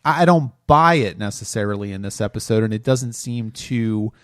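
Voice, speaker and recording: Male podcast co-host, animated critical chatter, stumbling restarts, dry close sound. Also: lowish voice, normal speed, no room sound. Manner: animated, repeats words when restarting. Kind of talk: casual critical chat.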